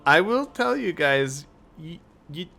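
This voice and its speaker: A man running a tabletop game in a bright, forward voice. He moves between dramatic narration and casual asides, with music underneath. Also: fairly high pitch, sing-song, takes it slowly, gravelly. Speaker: game master.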